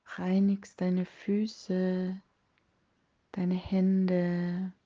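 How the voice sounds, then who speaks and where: Leading a guided meditation, a woman with a voice on the low side speaks softly and breathily, sometimes in a whisper, in a hushed, soothing way with long gaps between phrases. Her delivery is completely flat, and the highs are cut off in the audio.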